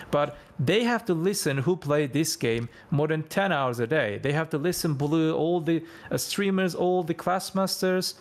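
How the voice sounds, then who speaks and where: Male gamer panelist, foreign-accented non-native English, slightly higher voice, emphatic and repetitive delivery. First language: not English. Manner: emphatic, repeats points for stress. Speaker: veteran gamer on a discussion panel. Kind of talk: unscripted opinion in a group call.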